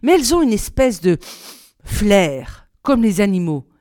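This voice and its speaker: A woman reading a fairy tale aloud in a measured, expressive storybook style. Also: medium pitch, no room sound, studio quality. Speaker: reader.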